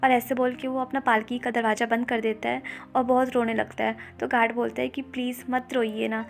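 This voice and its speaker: A woman narrating a manga story recap in a steady, running retelling. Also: on the high side, a little fast, creaky.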